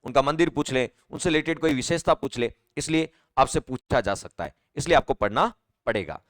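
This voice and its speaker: A man's voice: medium pitch, lively intonation, brisk, no echo, clean studio sound. A male teacher giving a live online exam-prep class, chatty and repetitive, often asking his students questions. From Rajasthan, India.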